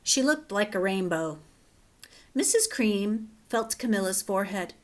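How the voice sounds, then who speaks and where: Relaxed teacher reading a story aloud. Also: female voice, medium pitch, measured pace. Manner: relaxed, gently instructive with fillers. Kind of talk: children's read-aloud.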